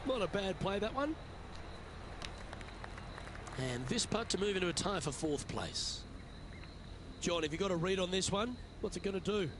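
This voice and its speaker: A man playing a composed golf commentator in a video game, calling play in a polished, measured broadcast style. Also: high-pitched, animated, background noise. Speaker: golf commentator, lead anchor.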